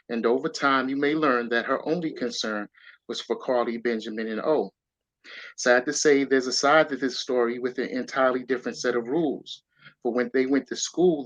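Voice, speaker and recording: A man with a mid-range voice, recorded without echo, reads aloud the rhyming children's story he wrote as a guest author. His delivery is rhythmic and lively in its emphasis, and the recording has a dull lo-fi sound.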